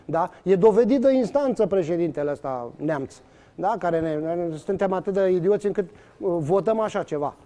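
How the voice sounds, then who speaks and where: A man with a rather high, soft-toned voice. He talks as an interview guest, pressing his points and acting out the conversations he retells. He uses many fillers and restarts. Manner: animated, many fillers and restarts, acts out quoted exchanges. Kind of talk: emphatic storytelling in conversation.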